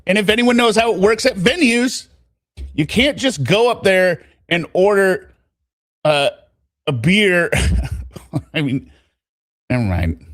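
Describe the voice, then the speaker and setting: Man, lively swooping pitch, dry close sound, sarcastic reaction commentary, casual and blunt. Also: a little slow, pauses often, dry recording. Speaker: trial commentator and host.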